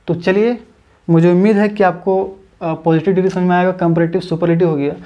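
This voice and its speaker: A man teaching an English grammar lesson online, explaining step by step, repeating his points, drawing out example words slowly and calling viewers his friends. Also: high voice, steady tone, dark tone, dull audio.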